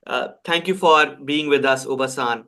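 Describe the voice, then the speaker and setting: A man's voice: mid-range voice, normal speed, bright, forceful tone, clear, resonant tone. A man hosting a podcast interview, eager and stumbling, repeating words as he asks questions. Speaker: podcast host.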